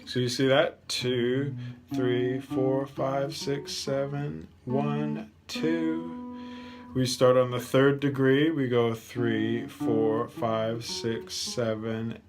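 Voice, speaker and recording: A man's voice: medium pitch, little pitch movement, drawn-out words. A man teaching a guitar lesson, patiently counting out scale steps aloud. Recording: guitar playing between lines.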